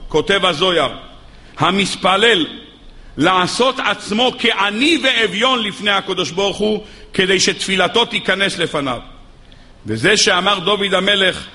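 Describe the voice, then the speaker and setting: A man's voice: pushed and bright, big-room sound. A man giving a religious text lesson, reading sources and then driving his points home with rising, emphatic delivery. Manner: rises to high, emphatic pitch when making a point. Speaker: Torah teacher.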